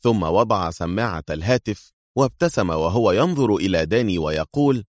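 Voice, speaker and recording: Low-voiced man narrating an audiobook. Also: expressive, fairly quick, no room sound, clean studio sound.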